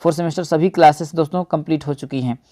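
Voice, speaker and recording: A man's voice: on the high side, fairly even intonation, very fast, dark tone. A man teaching an exam-prep lesson, often asking and answering his own questions and calling his viewers friends.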